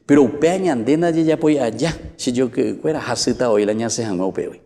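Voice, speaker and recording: A man's voice: medium pitch, a little fast, dark tone. A man with a Paraguayan accent, a priest giving an emphatic sermon that rises to exclamations. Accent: Paraguayan Spanish. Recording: long church reverb.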